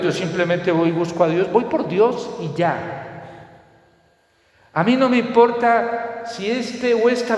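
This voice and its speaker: Preaching priest in an echoing church. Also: male voice, on the high side. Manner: preaching with rhetorical questions and emphatic repetition. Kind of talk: sermon. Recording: echoey hall reverb.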